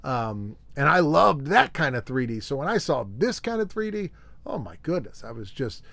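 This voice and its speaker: A man's voice: fairly high pitch, very animated, normal speed, creaky, a bit bright, no echo. A man hosting an unscripted show-and-tell, rambling nostalgically with fillers and chuckles. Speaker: host.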